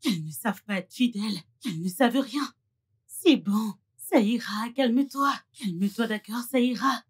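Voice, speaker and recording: A woman's voice: moderate pace, slightly rough, no echo, studio quality. A woman dubbing in French as a jealous, scheming young woman who mocks and betrays her best friend. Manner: mocking, shrill when screaming. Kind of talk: French film dub.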